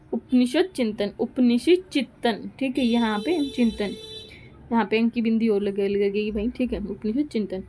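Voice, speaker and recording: A woman's voice: fairly high pitch, warm tone. A woman giving a Hindi grammar lesson, explaining rules step by step and repeating each example aloud. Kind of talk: classroom lecture.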